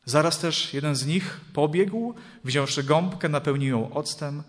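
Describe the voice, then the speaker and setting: A man reading Scripture and preaching in a solemn, measured way, with dramatic rises in his voice. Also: fairly high pitch. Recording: long hall reverb.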